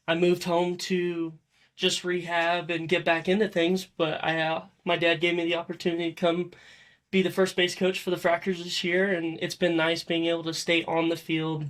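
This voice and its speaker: A man's voice: fairly high pitch, fairly bright tone. A man of twenty, a first base coach, speaking plainly in an interview. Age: 20s. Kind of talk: casual interview talk.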